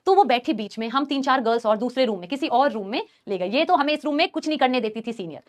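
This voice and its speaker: A woman teacher telling a story to her students in a live class, animated and acting out the scenes. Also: high-pitched, fast. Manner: animated, acts out scenes and shrieks.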